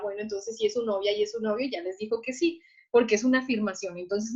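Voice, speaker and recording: A Mexican woman teaching a writing class, patiently explaining and often checking in with her students. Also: a little high. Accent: Mexican Spanish. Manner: patient, repeats "¿de acuerdo?" to check understanding. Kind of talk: online class lecture. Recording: dull lo-fi online class audio.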